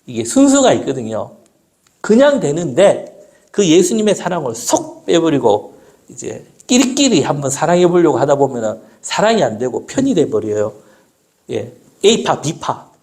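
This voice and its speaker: Middle-aged man, preaching, higher voice, rising and falling pitch, asks and answers his own questions. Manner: lively, asks the congregation questions and answers them himself; slows down when quoting scripture. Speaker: pastor. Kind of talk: sermon.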